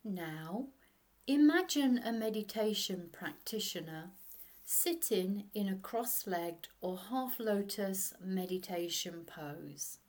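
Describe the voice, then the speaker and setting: Woman doing a guided meditation like a sleep story narrator, really slow and hushed, medium pitch, lots of pauses. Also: lively intonation.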